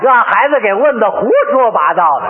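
A man's voice: high voice, animated, normal speed. A man as the straight man in crosstalk comedy, giving short prompting replies with mock indignation. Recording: old tinny radio broadcast with long reverb.

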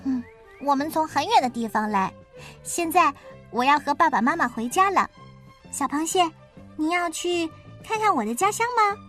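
A woman voicing Keke, a curious and eager little turtle child, in a storybook, with high, lively questions. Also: moderate pace, soft background music.

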